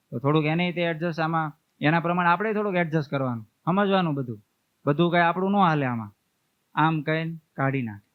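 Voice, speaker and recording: Swami telling family stories in his sermon, slightly high voice, dead dry sound. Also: dry recording. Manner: homely storytelling, acts out family members' words. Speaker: swami preacher. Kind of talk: storytelling sermon. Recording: tinny, phone-like dry sound.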